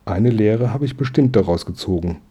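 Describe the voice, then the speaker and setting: A man's voice: on the low side, lively intonation, moderate pace, warm tone, breathy edge. A man reading aloud, voicing an eager, stubborn young boy in a storybook. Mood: insistent. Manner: eager and insistent.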